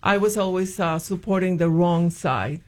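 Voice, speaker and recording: Her lowish, slightly mellow voice moves at normal speed as this Puerto Rican woman recounts her faith story in an interview. She is hesitant, often saying um and starting over.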